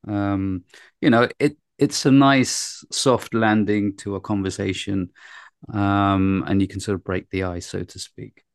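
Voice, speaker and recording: A man's voice: lowish voice, fairly even intonation, a little slow, vocal fry. A man hosting a podcast interview, chatty and rambling with fillers, after a read intro. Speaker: podcast host. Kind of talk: scripted intro then casual interview.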